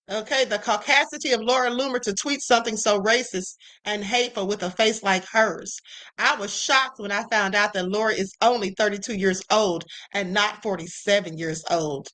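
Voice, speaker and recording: A woman hosting a live stream, giving sassy, emphatic commentary with drawn-out asides. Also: medium pitch, fairly bright tone. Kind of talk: casual commentary.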